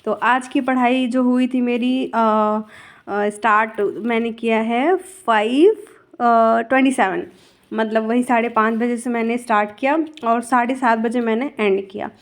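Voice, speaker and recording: A woman's voice: fairly high pitch, fairly even intonation, measured pace. Chatty woman teacher narrating her vlog. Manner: chatty, rambling, self-correcting. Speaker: school teacher. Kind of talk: casual vlog voice-over.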